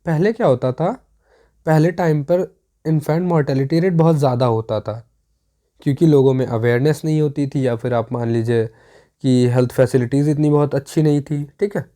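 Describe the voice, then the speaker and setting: This exam revision lesson is delivered step by step by a teacher with a warm, mid-range voice. There are many pauses to make sure the students understand.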